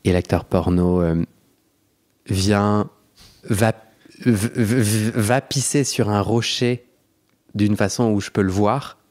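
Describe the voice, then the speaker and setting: A man's voice: lowish voice, slow pace, pauses often, a little mellow. A young man hosting a podcast, telling a story in a chatty way, laughing often and restarting his sentences. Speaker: podcast host. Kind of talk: casual storytelling chat.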